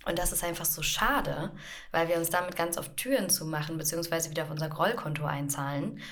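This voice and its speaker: Low-voiced woman co-hosting a podcast. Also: a little fast. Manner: animated storytelling, acts out inner voices. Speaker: podcast co-host, coach. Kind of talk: casual podcast conversation.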